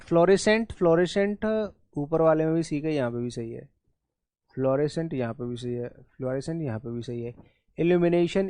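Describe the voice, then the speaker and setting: A man's voice: fairly high pitch, a little mellow. A man teaching an exam-prep English spelling lesson in Hindi mixed with English words, often checking in with his students.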